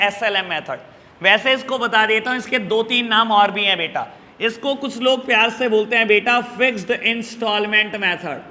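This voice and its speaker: A man's voice: high-pitched, bright, forceful tone, in a large hall. A male accounts teacher giving a classroom lecture, affectionately addressing his students and often checking whether they have understood. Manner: affectionate, repeatedly calls students "beta"; asks "clear?" to check understanding.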